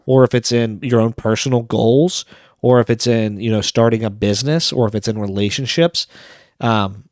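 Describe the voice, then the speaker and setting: Rambling energetic podcast co-host man. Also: medium pitch, no room sound, studio quality. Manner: rambling, many restarts and fillers. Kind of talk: casual podcast chat.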